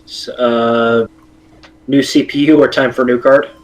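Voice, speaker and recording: A man's voice: mid-range voice, little pitch movement, measured pace, poor audio. Easygoing male co-streamer from South Texas. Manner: easygoing, laid-back banter. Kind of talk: casual chat.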